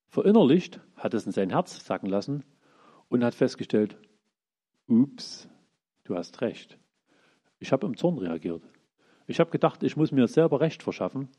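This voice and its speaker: Guy preaching casually, voice swings up and down a lot, kinda husky. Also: mid-range voice. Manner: lively, acts out the characters' lines in everyday speech. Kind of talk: informal sermon retelling Bible stories.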